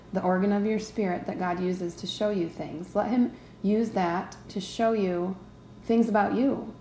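A woman's voice: medium pitch, mellow, roomy sound, slight background noise, low-quality recording. A woman hosting a devotional teaching podcast, talking conversationally and often checking in with her listeners. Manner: conversational, checks in with "right?" and "okay?". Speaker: podcast host teaching faith.

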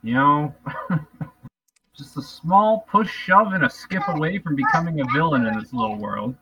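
A man's voice: a little high, animated, moderate pace, sharp tone, breathy edge. A man playing a tabletop game in character, joking and wry. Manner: wry, joking, laughs often. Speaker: player. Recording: distant muffled mic.

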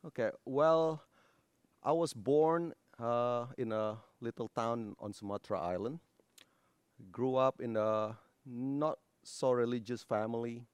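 A man in his forties from Indonesia, telling his story as a guest, pausing and hesitating often. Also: mid-range voice, darkish tone, clear, resonant tone, no echo. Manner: hesitant, with fillers. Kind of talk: interview testimony.

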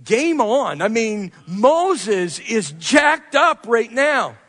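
A man preaching a sermon as pastor, swinging from loud emphasis to hushed asides. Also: very high-pitched, big pitch swings, drawn-out words. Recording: long reverb of a large hall.

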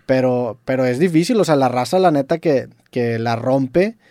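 A man's voice: medium pitch, lively intonation, normal speed, mellow, no echo, studio quality. A man with a Mexican accent, hosting a podcast in casual chat, full of slang like "güey". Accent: Mexican Spanish. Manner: slangy, says "güey" often. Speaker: podcast host.

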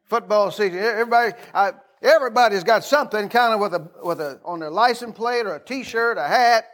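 A middle-aged American pastor with a high, slightly bright voice preaches a little fast. His sermon is informal and folksy, conversational in manner, with repeated phrases and prompts for the listeners to respond.

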